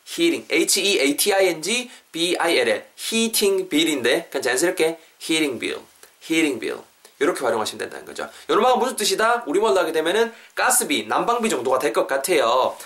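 A man hosting a podcast English lesson, repeating English phrases slowly for practice. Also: a little high, fairly bright tone. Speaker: English teacher, podcast host.

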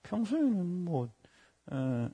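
Middle-aged male pastor, sermon delivery, slightly higher voice with lively, animated storytelling. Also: slow pace, slightly rough.

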